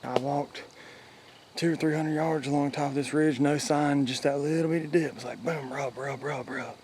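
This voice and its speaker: A man giving casual, low-key murmured commentary as he scouts the woods as a hunting vlogger. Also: steady tone, normal speed, darkish tone. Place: outdoors in woods on ridges. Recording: noisy outdoor field audio.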